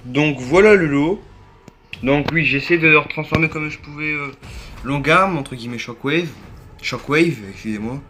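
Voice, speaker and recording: A man chatting casually through a toy unboxing, hesitant and full of fillers, often correcting himself, filmed on a handheld phone. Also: medium pitch. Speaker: toy collector vlogger. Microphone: handheld phone without tripod.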